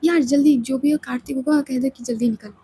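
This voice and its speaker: A woman voicing an impatient young woman who loudly demands that someone open the door. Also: high voice, steady tone, fairly quick, husky. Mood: urgent. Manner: loud, pushy and demanding.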